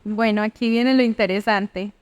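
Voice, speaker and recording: A woman's voice: medium pitch, fairly even intonation, moderate pace, clear, resonant tone. A woman in her thirties with a Santander Colombian accent, a podcast guest chatting casually and laughing often. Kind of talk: casual interview chat.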